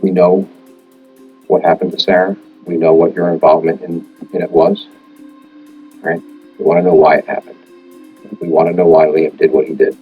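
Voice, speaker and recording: A man's voice: sits low, flat delivery, normal speed, pauses often, slightly rough, soft background music. A man, a police detective, pressing a suspect with firm questions, heard on an old interrogation room recording. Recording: tinny, muffled interrogation tape from off-mic.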